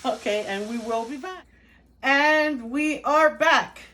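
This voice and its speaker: Here the home cook's voice is high and sharp, and she moves at a slow pace. She has a Cuban accent and explains each step of her recipe in a relaxed kitchen demo, trading jokes with the camera operator. A little hiss or hum runs under the rough recording.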